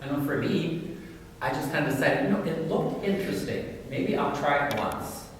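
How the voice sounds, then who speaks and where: A man's voice: a little high, moderate pace. A man answering on a drag performers' panel in a reflective, conversational way. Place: large reverberant room. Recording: very echoey hall, distant mic, faint noise.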